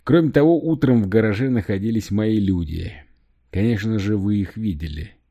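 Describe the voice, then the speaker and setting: A sardonic male operative who answers accusations with cool, cutting sarcasm, as a man reading the book puts him on. His voice sits low and dark, with a pointed, defiant edge. Audiobook character reading. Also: normal speed.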